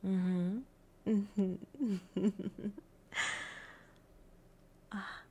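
A woman whispering a teasing, dominant audio roleplay in a breathy voice, with soft chuckles between phrases. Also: medium pitch, little pitch movement, very slow, dull audio.

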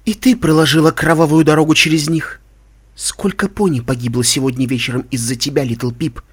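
A man voicing a judgmental female pony healer, with an accusing tone and husky voice. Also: fairly high pitch, fairly even intonation, a little fast.

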